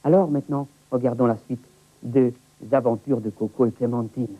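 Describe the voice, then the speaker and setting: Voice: medium pitch, fairly even intonation, normal speed. A presenter of a children's religious show explaining faith in dialogue, on thin tape audio. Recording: tinny phone-like VHS tape audio.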